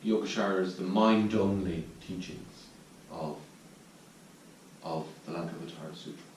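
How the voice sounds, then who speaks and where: An Irish Zen teacher gives a dharma talk in a retreat centre's meditation hall, his slightly low, somewhat mellow voice moving at a moderate pace as he thoughtfully searches for words. The mic sits at a distance, and the very echoey room carries faint noise underneath.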